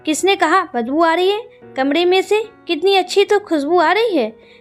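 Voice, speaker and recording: A woman's voice: very high voice, normal speed, soft background music, pitched above the performer's own voice. A woman voicing a playful young woman who mocks her brother. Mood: teasing. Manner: playful, mocking. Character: teasing young woman, mischievous sister.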